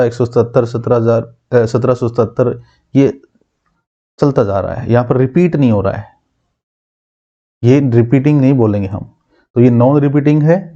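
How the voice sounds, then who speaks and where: Male math teacher, very dark tone, lo-fi audio, quizzes the class and drills terms. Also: mid-range voice. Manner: asks students questions and answers them himself; repeats key terms slowly.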